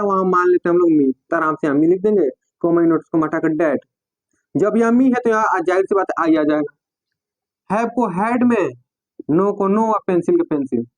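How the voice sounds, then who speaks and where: A man teaching English grammar in Hindi. He talks slowly, dictates example sentences word by word, and spells out letters. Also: high-pitched, darkish tone, no room sound, rough recording. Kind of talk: classroom lesson.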